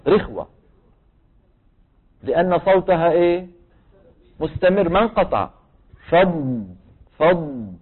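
A man with a Levantine Arabic accent teaches tajweed, explaining patiently and asking the class questions that he answers himself. His voice sits a little high for a man. The recording is thin and narrow, as if heard over a phone. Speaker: Quran recitation teacher. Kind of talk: tajweed lesson.

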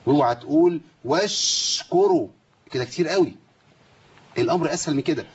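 A man's voice: fairly high pitch, lively intonation, brisk, slightly rough, dull audio. A man with an Egyptian Arabic accent teaching Quran recitation in a live lesson, quizzing students by name, reciting examples and pointing out common mistakes. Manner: quizzes students by name, demonstrates and corrects errors.

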